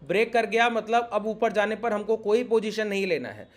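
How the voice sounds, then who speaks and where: Male tutor, high-pitched, insistent and repetitive explainer. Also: moderate pace. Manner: insistent, repeats points, keeps asking if it is clear. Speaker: trading teacher. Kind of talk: chart-walkthrough lesson.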